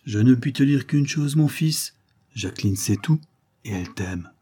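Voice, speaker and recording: A man voicing a devoted aristocratic older mother, gentle and dignified in a storybook reading. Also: mid-range voice, animated, unhurried, slightly rough. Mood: tender.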